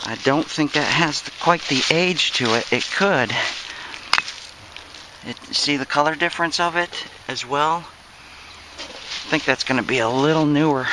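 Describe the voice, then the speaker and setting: Man narrating an outdoor dig, noisy recording. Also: medium pitch. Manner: talks to viewers while digging, repeating short exclamations. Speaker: metal detecting vlogger. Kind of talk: casual outdoor vlog narration.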